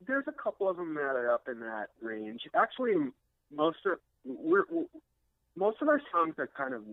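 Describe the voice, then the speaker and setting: The guitarist, an American musician, speaks at a medium pitch in this dry recording. He's being interviewed over a narrow, tinny line and chats in a relaxed, hesitant, self-effacing way.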